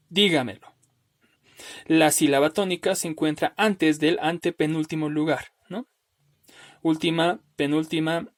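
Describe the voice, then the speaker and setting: A man teaching a recorded spelling lesson over slides, patient and step by step, often checking in with "¿no?" and slowly drawing out words to show where the stress falls. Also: fairly high pitch. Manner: patient, explains step by step with frequent "¿no?".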